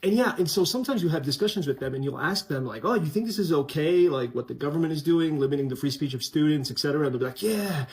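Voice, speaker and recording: Fast and animated with hardly any pauses, this channel host's fairly high voice carries a casual opinion vlog. He is a man from Colombia who grew up in the US, and he talks to viewers frankly and conversationally, with lots of filler words.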